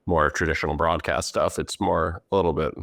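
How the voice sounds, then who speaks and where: A man's voice: extremely low pitch, steady tone, brisk, vocal fry, fairly bright tone, no room sound, studio quality. A man hosting a podcast, upbeat and enthusiastic while interviewing a guest. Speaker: podcast host.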